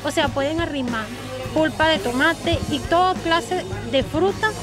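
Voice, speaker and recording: A woman's voice: sits high, unhurried, music in the background. A woman speaking as a commune member in an outdoor interview, insistent, listing needs into a handheld mic. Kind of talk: street interview. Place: outdoors at a rural meeting. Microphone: handheld reporter mic.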